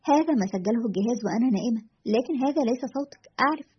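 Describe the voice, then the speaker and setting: A frightened young woman calling into a radio show, as a woman reader puts her on sounds anxious and pleading. The voice sits fairly high with a husky edge and races along, heard through a dull, lo-fi recording. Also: animated, very fast.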